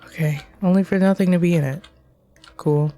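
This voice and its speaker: A woman's voice: lowish voice, fairly even intonation, moderate pace, warm tone, slight background noise. A woman streaming a game, talking to herself anxiously and repeating her questions as she plays. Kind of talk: live gameplay commentary.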